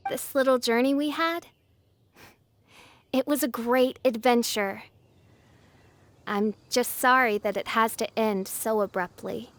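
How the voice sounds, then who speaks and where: A woman's voice: on the high side, steady tone, takes it slowly, long pauses, dry recording. A woman playing a theatrical teenage girl who poses as a grandiose gothic princess in an overacted anime game dub, speaking in pompous, archaic phrases. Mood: wistful, formal. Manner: pompous, archaic, melodramatic delivery.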